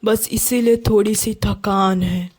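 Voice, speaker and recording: A mild young husband from a cartoon, tired after office work, played by a woman. He speaks calmly and reasonably, in a mid-pitched voice, slow and unhurried. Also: breathy edge. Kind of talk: cartoon voice acting.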